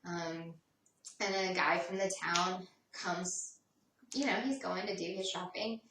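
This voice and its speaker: A woman answering viewer questions in a relaxed, chatty way, often pausing with "um". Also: on the low side, noisy background. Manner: relaxed, chatty, frequent "um" fillers. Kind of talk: casual Q&A chat. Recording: roomy echo, voice from a distance.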